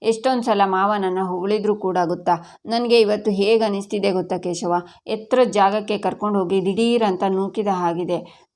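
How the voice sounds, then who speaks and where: A woman's voice: mid-range voice, steady tone, normal speed, a little mellow, lightly acted. A woman reading as a hurt young wife. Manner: wounded, complaining. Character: hurt young wife, tearful daughter-in-law.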